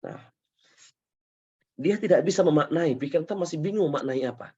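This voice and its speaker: A man's voice: fairly high pitch, brisk, breathy edge. A man coaching a live class on self-talk, acting out little example dialogues and often asking the audience questions. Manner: lively, acts out short example dialogues; repeats and asks the audience questions. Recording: dull lo-fi sound.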